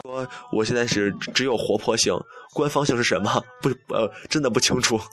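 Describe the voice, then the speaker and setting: A man's voice: mid-range voice, a little fast, fairly bright tone, soft background music. A young man hosting a campus radio show, telling a story in a chatty, self-mocking way and acting out the dialogue. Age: young adult. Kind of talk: casual monologue.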